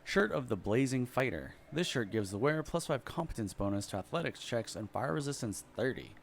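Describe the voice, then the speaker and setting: A man's voice: medium pitch, lively intonation, fairly quick, gravelly, slight background noise. A man hosting a casual let's play, reading item descriptions aloud and muttering asides as he shops. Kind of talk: casual gameplay commentary.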